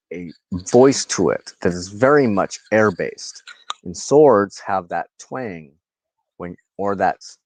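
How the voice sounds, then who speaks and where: A low-pitched man, host and pagan reverend and teacher, gives an informal spiritual talk. He speaks haltingly and deliberately with drawn-out pauses, and there's no room sound.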